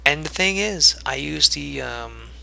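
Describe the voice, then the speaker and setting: A man's voice: on the high side, lively intonation, a little slow, creaky, bright, forceful tone, faint music behind. A young man giving casual commentary on his own gameplay video, rambling with many fillers and restarts and a little out of breath.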